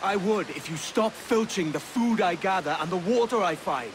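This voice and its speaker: Video game role: exasperated pirate, high insistent calls, faint background ambience. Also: male voice, lively intonation, normal speed, background noise. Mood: exasperated, pleading. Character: exasperated male pirate pleading with mad shipmate. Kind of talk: dramatic video game acting.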